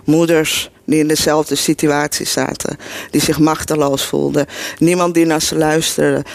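Telling an audience about her own life, a middle-aged woman is earnest, emotional and blunt. Her low-pitched, gravelly voice moves little in pitch and keeps a measured pace, with no room sound.

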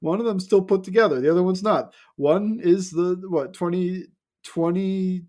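A man's voice: high-pitched, fairly even intonation, moderate pace, darkish tone. A man co-hosting a sports podcast, talking casually and opinionatedly, firing off rhetorical questions. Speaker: podcast co-host.

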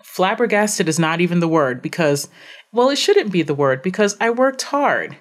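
A woman guest on a podcast, telling her story in an animated, emphatic way, repeating phrases for effect. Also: on the low side, normal speed. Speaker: podcast guest, business owner.

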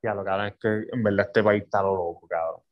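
A man's voice: lowish voice, fairly even intonation, quick pace. Puerto rican guy cussing nonstop on a podcast, kinda muffled audio. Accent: Puerto Rican Spanish. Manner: profane, emotional, swears constantly. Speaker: podcast co-host. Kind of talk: casual chat. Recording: slightly dull lo-fi audio.

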